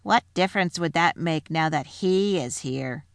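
A woman's voice: deep voice, normal speed, gravelly, dry recording, clean studio sound. A woman playing a wheedling dwarf servant. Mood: anxious. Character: anxious scheming male dwarf servant.

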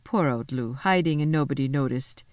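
A woman's voice: rumbling low, normal speed, dry recording, studio quality, voice pushed down. Woman reading as teasing, patronising big brother. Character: sensible, teasing, patronising older brother, a boy. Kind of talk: children's storybook read aloud.

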